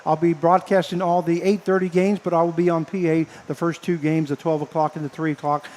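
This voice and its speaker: A man broadcasting baseball, signing off live from the press box, speaking haltingly and earnestly with many fillers, emotional and choked up. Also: fairly high pitch, flat delivery, darkish tone, a little hiss or hum. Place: press box above a ballpark. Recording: long hall-like reverb.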